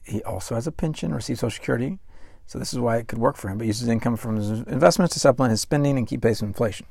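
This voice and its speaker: Here the finance podcast host has a mid-range voice with vocal fry and a darkish tone, recorded at studio quality with no room sound. He chats conversationally, reads news quotes aloud, and talks right to his audience.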